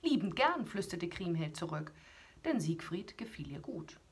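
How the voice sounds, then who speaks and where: Very breathy woman reading a children's story. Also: lowish voice, a little slow. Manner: animated, whispery, with asides to children. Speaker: radio host reading aloud.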